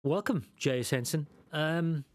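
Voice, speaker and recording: This man from South Africa, with a South African accent and a slightly high voice, keeps a measured pace while chatting with viewers on a casual live stream and reading their comments. His talk drifts and turns self-deprecating, with frequent ums and restarts. The sound is clean studio audio without echo.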